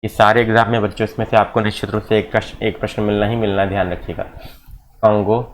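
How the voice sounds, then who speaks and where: A man's voice: fairly low pitch, level tone. A male coaching teacher giving an exam-prep geography lecture, reciting lists and often saying "okay" and addressing the students as kids. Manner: rapid list recitation with repeated "ठीक है" and "बच्चों". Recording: dull lo-fi audio with faint noise.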